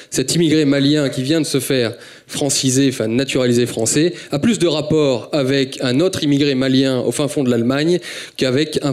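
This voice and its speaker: A young man with a French accent giving a steady, declamatory prepared talk on a panel. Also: medium pitch. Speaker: panel speaker.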